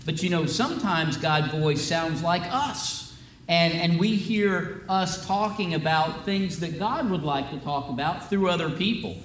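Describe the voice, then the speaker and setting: A man's voice: fairly high pitch, unhurried, a little hiss or hum. A male pastor giving a chatty children's sermon, asking the kids lots of questions. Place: church sanctuary. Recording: roomy, from a distance.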